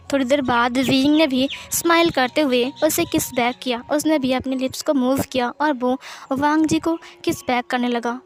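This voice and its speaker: A woman narrating a romance fan story aloud for her channel, in a plain, even storytelling manner. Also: sits high. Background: faint music.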